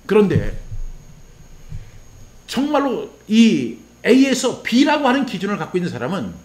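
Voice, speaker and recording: A male pastor preaching with a high, lively voice that leaps up and down. He asks his listeners questions, answers them himself, and acts out the prayers and complaints he quotes. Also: takes it slowly. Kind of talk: sermon.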